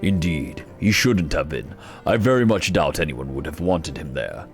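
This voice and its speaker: A man reading a story game's dialogue in a measured, formal delivery. His voice is very low but moves expressively, and game music plays clearly behind him. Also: lively intonation.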